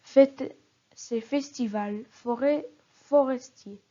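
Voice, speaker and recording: A woman with a slightly high, mellow voice leads a recorded spelling lesson. She speaks very slowly and breaks example words into syllables one at a time. The recording sounds dull and lo-fi. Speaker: spelling teacher.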